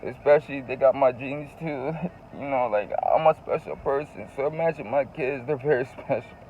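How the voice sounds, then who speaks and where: A man's voice: medium pitch, moderate pace, a little mellow, highs cut off, slight background noise. A man telling a personal story in a casual, confessional vlog, earnest and emotional, often repeating phrases for emphasis. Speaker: vlogger.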